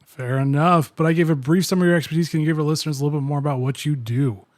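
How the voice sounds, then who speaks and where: A man with a fairly high voice hosts an interview podcast. He reads the intro like a script and then asks short, plain questions. The recording is dry and close, with no room sound. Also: steady tone, very fast, dry recording. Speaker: podcast host.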